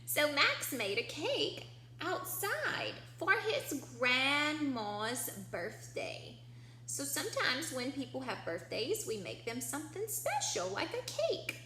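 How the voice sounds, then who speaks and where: Sitting high in pitch, this woman's voice is sing-song, pushed, and bright, and she takes her time. She's an early-years teacher reading a picture book to small children, explaining simply and asking questions to prompt them, recorded in an echoey room with a faint hum.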